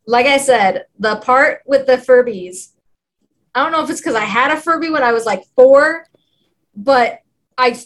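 A young adult woman co-hosting a podcast, chatting casually about films, animated and quick to laugh. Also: high-pitched. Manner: animated, laughs often, self-described film nerd. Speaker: podcast co-host. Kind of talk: casual film discussion.

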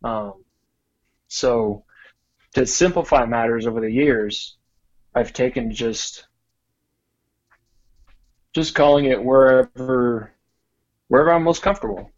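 A man of middling pitch speaks as a podcast guest in an easygoing, dryly humorous way. His audio sounds dull and slightly lo-fi, like a remote connection. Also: slow, pauses often. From born in Cameroon, raised in several countries. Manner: relaxed, wry and self-deprecating. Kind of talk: casual conversational interview.

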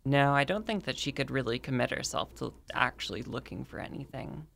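A man's voice: medium pitch, animated, brisk, gravelly, fairly bright tone, slight background noise. A man chatting casually as a tabletop player, thinking aloud in a hedging way. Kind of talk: casual tabletop game chat.

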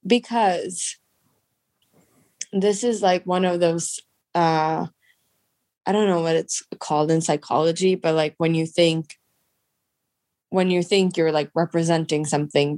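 A woman's voice: deep voice, fairly even intonation, unhurried, long pauses, a little mellow, dry recording. A woman with a congested, stuffed-up nose from allergies, co-hosting a casual podcast from home. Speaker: podcast co-host. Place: at home on a couch, recorded over a video call.

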